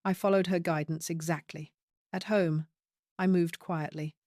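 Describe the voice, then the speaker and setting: An older woman narrates a first-person story in a calm, measured way. Her voice sits fairly low and sounds dry and close, with no room around it. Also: dry recording.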